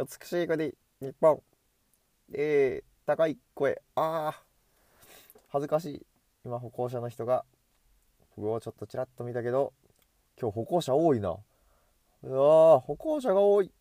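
A man's voice: medium pitch, expressive, measured pace, pauses often, warm tone, no echo. A man chatting casually to himself while walking outdoors, self-amused, with a runny nose from hay fever, speaking into an earbud headset mic. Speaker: solo podcaster. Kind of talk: casual rambling monologue.

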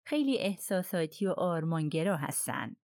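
A woman's voice: low-pitched, big pitch swings, darkish tone, no echo, clean studio sound. A woman reading the lines of a reserved, stiff English army colonel in an audiobook, curt and cold in her replies.

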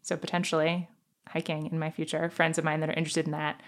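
Casual interview guest: American woman, lowish pitch, bubbly girly chatter loaded with "like", self-deprecating. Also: flat delivery, fast. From Manhattan, New York. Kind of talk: casual conversational chat.

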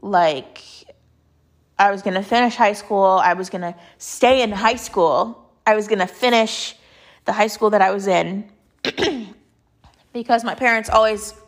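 A teenage young woman speaks with a stuffy, congested nose at a medium pitch. She hosts a casual, confiding monologue, often pausing and restarting as she thinks aloud. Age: late teens, 17. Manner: halting, filler-heavy, confiding. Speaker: podcast host.

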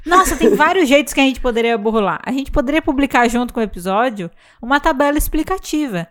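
Brief: Brazilian woman podcast co-host, high pitch, animated and teasing. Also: fast talker. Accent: Brazilian Portuguese. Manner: animated, laughing, mock-sarcastic. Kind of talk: casual podcast chat.

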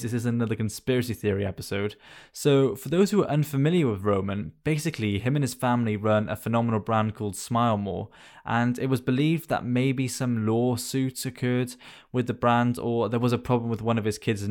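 A man's voice: mid-range voice, darkish tone. A young man of nineteen hosts a casual podcast in an ordinary mid-range voice. He sounds upbeat and keeps the conversation moving. He leans on easy fillers between his points. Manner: upbeat, leads the talk, fond of fillers like in all honesty. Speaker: podcast co-host. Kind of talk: casual chat.

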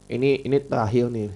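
A man's voice: mid-range voice, warm tone, slightly rough, highs cut off. Indonesian man hosting a casual live chat. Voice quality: self-described slurred R and L speech. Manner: informal, repeats phrases. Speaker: live stream host and podcaster.

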